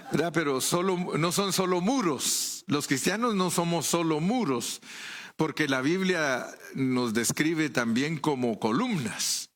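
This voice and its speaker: A man's voice: medium pitch, a bit bright. A man with a Guatemalan accent preaching a sermon in a conversational way, often asking the congregation rhetorical questions. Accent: Guatemalan Spanish.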